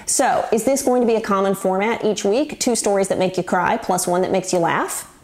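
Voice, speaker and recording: A woman's voice: mid-range voice, a little fast. A woman in her forties hosting a show, giving wry, chatty, scripted commentary to the camera. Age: 40s. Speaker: host.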